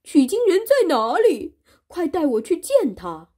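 A woman's voice: mid-range voice, lively intonation, normal speed, warm tone, slightly rough. A woman voicing a pig-like male demon who whines and pleads. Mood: whining. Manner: whining and aggrieved.

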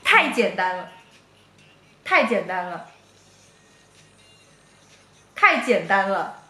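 A young woman chatting in a playful, animated, giggly way during a game with a friend in a living room. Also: medium pitch, slow, faint music behind. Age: young adult. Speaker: whisper challenge player. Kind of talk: playful casual chat. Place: living room with sofa, indoors. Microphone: camera a short way off. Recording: echoey room.

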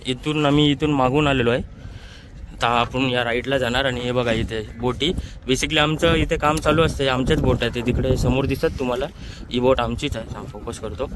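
Out on a creek in a small open boat, a vlogger with a Mumbai accent keeps drawing viewers' attention to things in easygoing commentary. He speaks a little fast, in a mid-range voice with fairly even intonation. The audio comes from a handheld phone and is noisy, as expected outdoors on a boat.

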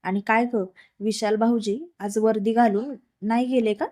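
A woman's voice: on the high side, steady tone, moderate pace, lightly acted. A woman narrator voices a friendly pregnant sister-in-law who teases and comforts. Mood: teasing. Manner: warm, teasing.

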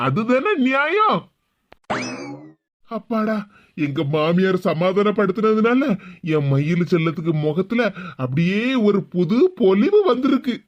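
A man voicing a sentimental young husband in an animated cartoon, with a Kanyakumari Tamil accent. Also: sits high. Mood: relieved. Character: fond young husband doting on his wife. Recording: dull lo-fi audio.

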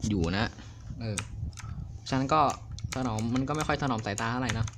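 A young man casually reviewing a mechanical keyboard, chatty and excitable, a little crude. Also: medium pitch, normal speed, noisy background. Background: clicky keyboard typing.

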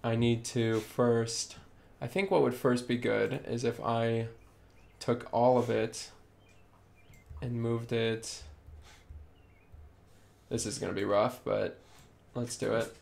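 A man's voice: medium pitch, steady tone, takes it slowly, creaky, pauses often, a little mellow. A man live-streaming as a game developer, explaining in a casual way and thinking aloud while he works.

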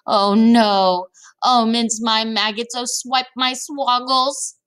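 In a lightly acted storybook reading, a woman plays a large, kind-hearted and excitable male giant who exclaims, mangles grammar and makes up words. Here he sounds distressed and furious, delivered in a mid-range voice at normal speed.

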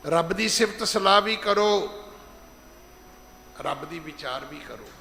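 Middle-aged male preacher, bright gravelly voice, emphatic sermon, echoey hall with long reverb. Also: on the high side, lively intonation. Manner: emphatic, slows down to stress scripture, acts out quoted speech. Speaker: head granthi preacher. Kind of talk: gurdwara sermon. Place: large gurdwara hall.

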